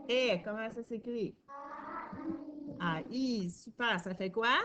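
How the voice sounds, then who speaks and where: A woman teacher, giving a recorded phonics lesson to young children in a patient, encouraging way and sounding out syllables slowly. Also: on the high side, background noise. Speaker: primary school teacher.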